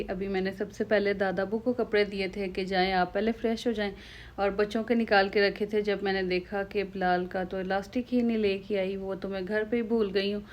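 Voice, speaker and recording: A young Pakistani woman with a Pakistani Urdu accent and a slightly hoarse throat, chatting to viewers in a casual travel vlog. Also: medium pitch, darkish tone. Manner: chatty, conversational, addresses viewers directly. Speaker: vlogger.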